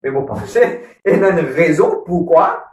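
Speaking from a distance in an echoing room, this married man addresses a church couples program about marriage. His Mauritian Creole accent carries a fairly high, lively voice with a darkish tone, and he takes his time. He's earnest and casual, restating points and frequently asking "ok?".

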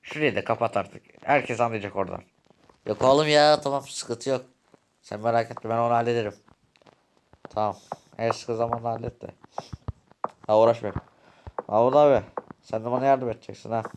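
Man, casual colloquial delivery, average pitch, faint hiss and clicks. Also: steady tone, brisk, pauses often. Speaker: game video creator voicing all roles. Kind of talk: amateur game voice acting.

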